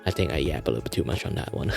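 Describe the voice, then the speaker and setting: A man's voice: extremely low pitch, lively intonation, rapid-fire, creaky, music in the background. A man hosting as a virtual streamer, introducing himself in a casual, rambling, playful and hesitant way. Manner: hesitant, wandering, playful delivery.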